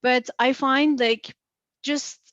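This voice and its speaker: On a virtual finance panel held over video call, a woman with a noticeable non-native accent explains things earnestly, giving examples and leaning on plenty of fillers. She speaks slowly in a high, steady, slightly bright voice. The recording is dry and lo-fi.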